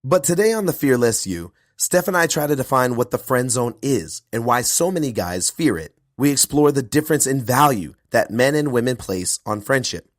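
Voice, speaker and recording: A male podcast host and performance coach delivering an earnest intro monologue, his voice hoarse from a cold. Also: medium pitch, moderate pace, hardly any pauses, no echo, studio quality. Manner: earnest, animated, self-promoting.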